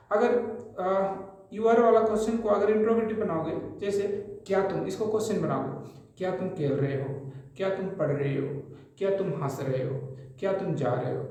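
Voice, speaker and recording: A man's voice: high-pitched, a little mellow. A man teaching a spoken English grammar lesson, patiently drilling example sentences one after another. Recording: very echoey room.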